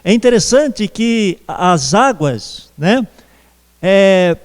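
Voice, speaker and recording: A man preaching a sermon as pastor, slow and measured with pauses. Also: sits high, expressive, long reverb tail. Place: church.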